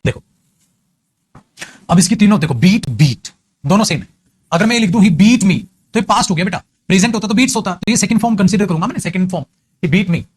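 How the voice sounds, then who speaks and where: An English teacher with an Indian accent, coaxing students and slowly repeating example sentences. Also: male voice, sits high, expressive, slightly rough. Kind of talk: classroom lesson.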